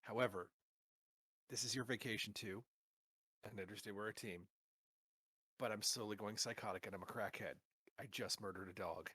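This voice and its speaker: A man playing a tabletop role-playing game in character, animated and joking. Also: fairly low pitch, normal speed, pauses often, husky, no room sound. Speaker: player.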